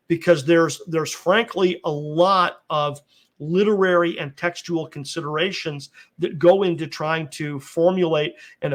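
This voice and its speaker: A man's voice: on the high side, fairly bright tone. A man teaching a Bible passage in a conversational way, checking in with his listeners and carefully qualifying his points. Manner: explains step by step, often checking in with "right?" and "okay?"; cautious, qualifies his claims. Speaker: Bible teacher and podcast host.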